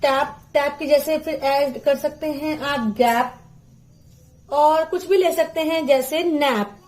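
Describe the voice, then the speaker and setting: A woman giving a patient phonics lesson, sounding out syllables slowly for parents and teachers to repeat to children. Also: sits high, a little mellow.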